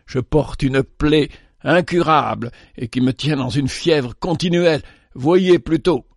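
A man's voice: a little high, a little slow, no room sound, studio quality. Man doing a tormented cursed old vagabond. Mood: anguished. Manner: anguished, declamatory outbursts. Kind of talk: storybook reading.

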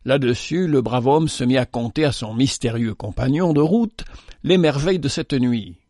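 A man narrating a story in a measured, solemn reading. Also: medium pitch, darkish tone, dry recording, studio quality. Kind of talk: scripted narration.

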